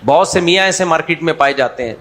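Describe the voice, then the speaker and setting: A man giving a religious lecture in a joking, storytelling way, at times breaking into loud mock shouts. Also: on the high side. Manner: lively, jokey storytelling with sudden jumps to loud mock shouting. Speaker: Islamic preacher.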